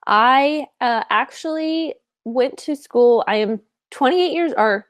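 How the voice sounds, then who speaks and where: Quick to laugh and happy to make fun of herself, a woman in her twenties chats casually as a podcast co-host. Her voice sits high, and the studio-quality recording carries no room sound.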